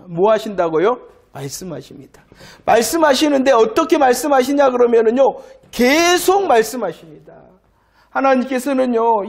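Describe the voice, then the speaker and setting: A man's voice: very high-pitched, creaky. A male pastor preaching a sermon, asking rhetorical questions, answering them himself and repeating key phrases for emphasis.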